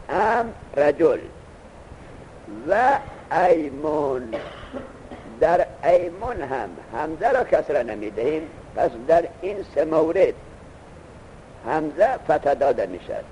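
A man teaching a classroom grammar lesson, explaining slowly and quizzing his students with questions. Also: a little high, warm tone, a little hiss or hum, rough recording.

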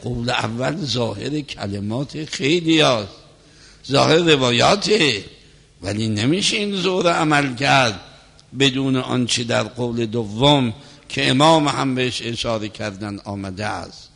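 Male cleric, mid pitch, gravelly, measured lecturing delivery; reverberant hall recording. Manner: measured, explanatory lecturing, recites scripture softly. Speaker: cleric teaching religious law. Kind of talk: religious lecture with prayer.

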